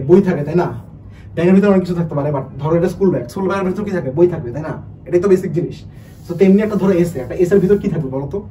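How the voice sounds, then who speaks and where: A man teaches an online class at a breakneck pace, his fairly high, mellow voice tumbling through restarts and quick questions to his students. He sounds set back from the mic, with a faint hum of noise underneath. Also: recorded from a distance, low-quality recording. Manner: rapid, restarts often, asks the students rhetorical questions. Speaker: admission test English teacher.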